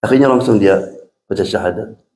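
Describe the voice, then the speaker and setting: A man's voice: fairly low pitch, brisk. A man, an imam, telling stories in a sermon and slipping English phrases into his talk. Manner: mixes Indonesian with English phrases; animated storytelling with acted-out quotes. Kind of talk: storytelling sermon. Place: mosque hall. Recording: echoey mosque hall.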